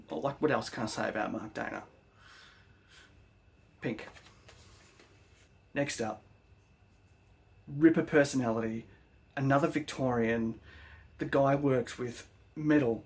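A man's voice: medium pitch, takes it slowly, pauses often. An Australian man narrating a casual woodworking vlog, enthusiastic and full of slangy praise. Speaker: woodworking vlogger.

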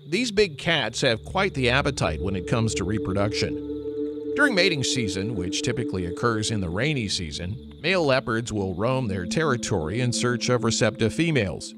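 A man's voice: mid-range voice, sing-song, normal speed. A man narrating a scripted nature documentary. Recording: music behind the voice. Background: background music.

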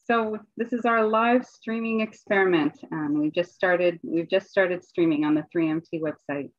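A woman's voice: fairly low pitch, moderate pace, dry recording, highs cut off. A woman and assistant dean hosting an online event in a chatty way, with fillers and restarts, over a video call.

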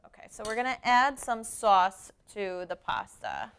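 A woman's voice: medium pitch, big pitch swings, measured pace, a bit bright, clear, resonant tone. A young woman hosting a cooking show in a home kitchen studio, chatting upbeat as she explains each step. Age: young adult. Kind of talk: casual cooking demonstration.

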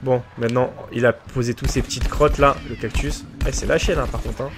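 A man giving let's play commentary on a shooter game, excitable and joking as he mocks opponents and chats with his viewers. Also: mid-range voice, brisk, over music. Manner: excitable, joking, teasing the enemy players; chatty with viewers. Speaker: gaming video creator.

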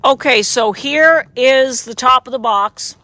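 Out in the snow, a woman who works as a wilderness guide and hosts a show casually presents her gear and spins a folksy, plain-spoken story. Her high voice has a sharp tone and a slow pace, recorded on a camera mic that is sometimes handheld.

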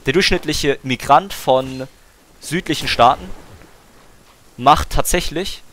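A man's voice: fairly high pitch, slow pace, fairly bright tone. A young man streaming a game, chatting casually and arguing his point in slangy talk, pushing on through interruptions. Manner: argumentative, slangy, talks over interruptions. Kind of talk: casual chat while gaming.

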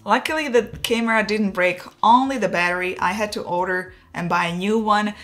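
Talking fairly quickly in a mid-range voice, this photography vlogger from the Czech Republic, a woman in her forties with a Czech accent, is relaxed, chatty, and quick to laugh at herself while gesturing with her hands. It's a casual talking-head video shot indoors in her home studio, picked up by a wireless lapel mic.

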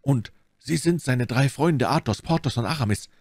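A man's voice: mid-range voice, darkish tone, no echo, clean studio sound, pitched above the performer's own voice, natural voice. Man doing a cold, sinister stranger. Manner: measured and coolly menacing. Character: pale mysterious male stranger, cold and sinister.

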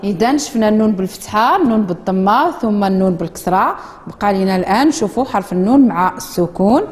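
A woman with a Moroccan accent teaching a children's reading lesson in a classroom, slowly drawing out words for the pupils to repeat. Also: mid-range voice, animated, big-room sound. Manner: slow, drawn-out modeling of words for children. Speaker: primary school teacher.

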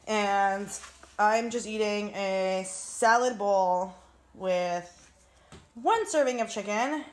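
A woman's voice: mid-range voice, slow pace, poor audio. A young woman vlogging in a casual, chatty way and explaining her workout sets. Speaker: fitness vlogger. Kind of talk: casual vlog narration.

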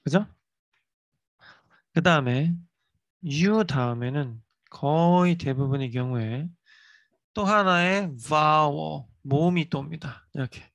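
A middle-aged man teaching English in a chatty lecture, repeating phrases slowly for learners. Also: medium pitch, no room sound. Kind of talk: casual lecture.

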